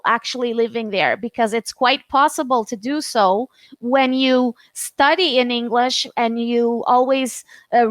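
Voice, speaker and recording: Chatting casually in an online English lesson, this Canadian tutor keeps stumbling into fillers and restarting her sentences. She sounds a little high and fairly bright, with no room sound on the recording.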